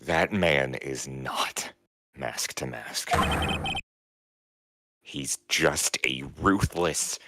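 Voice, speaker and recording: A man reading the lines of an earnest young male defense lawyer while playing, over loud game music. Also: a bass voice, drawn-out words, gravelly, long pauses, full character voice.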